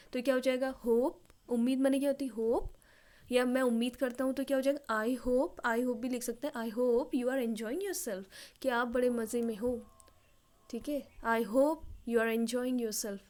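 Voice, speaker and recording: A woman gives an English lesson to students. Her voice sits a little high. She explains each phrase, then dictates the example sentences slowly and carefully. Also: darkish tone. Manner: explanatory, addresses students directly. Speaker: English teacher. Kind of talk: bilingual classroom-style lesson.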